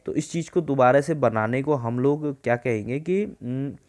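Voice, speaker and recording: A man with an Indian accent teaching vocabulary from a newspaper editorial. He reads English phrases slowly word by word, spells words out letter by letter, and explains them in Hindi. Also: medium pitch, a little mellow. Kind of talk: exam-prep vocabulary lesson.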